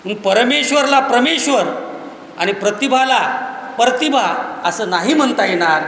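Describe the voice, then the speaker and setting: A man giving a public lecture, explaining through lists of examples and rising to near-shouts on key points. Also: high voice, expressive, normal speed. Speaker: speaker on Marathi language and literature. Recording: echoey hall, slightly far off.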